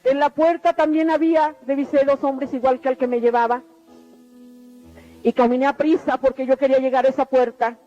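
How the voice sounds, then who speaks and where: Heard through a dull lo-fi radio recording with faint music, a middle-aged woman gives an earnest, repetitive religious testimony. She talks briskly in a high, steady, mellow voice.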